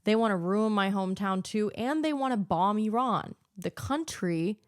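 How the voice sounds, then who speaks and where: A woman's voice: mid-range voice, moderate pace, no room sound, studio quality. A woman from the United States hosting a podcast, delivering an earnest, ranting political monologue full of filler words. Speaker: podcast host.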